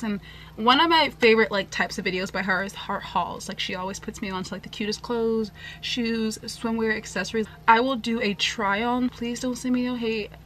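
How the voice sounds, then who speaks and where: A woman's voice: medium pitch, a bit bright, a little hiss or hum. A young woman in her twenties chatting casually to the camera in a home haul vlog, filling her talk with "like". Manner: chatty, filler-heavy, lots of "like". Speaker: vlogger. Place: bright room at home, indoors. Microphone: camera facing her at close range.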